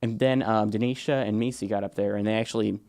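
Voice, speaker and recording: A man's voice: on the low side, fairly even intonation, quick pace, darkish tone. A young man co-hosting a college sports show, chatty and rambling as he talks casually about games. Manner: chatty and rambling, restarts sentences.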